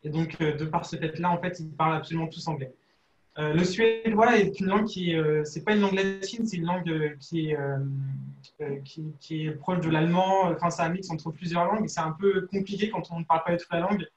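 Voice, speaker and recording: A man's voice: fairly high pitch, a little fast, reverberant, lo-fi sound, faint music behind. A man from France with a French accent, a former student speaking frankly and informally in a panel discussion over a video call. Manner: frank, informal, casual phrasing. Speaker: alumnus guest.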